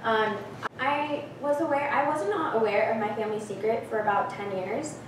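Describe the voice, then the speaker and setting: A woman's voice: on the high side, moderate pace, very echoey, noisy background. A young woman from Peru giving a class presentation, earnest, with frequent ums and restarts, heard from a far camera in a classroom. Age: late teens. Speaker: student presenter. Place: classroom with projector screen.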